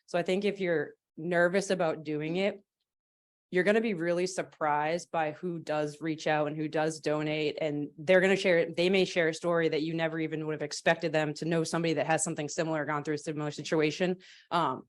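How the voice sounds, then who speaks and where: A woman's voice: sits low, flat delivery, a little fast. A woman on a panel giving informal, reassuring and encouraging advice to a group. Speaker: panel speaker.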